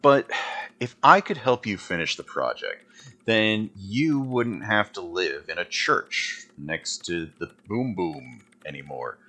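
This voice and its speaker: A man streaming a game with a fairly low but bright voice. He thinks aloud informally and reads dialogue options out, his intonation swinging widely. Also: very animated, takes it slowly. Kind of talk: casual gameplay commentary, reading dialogue options aloud.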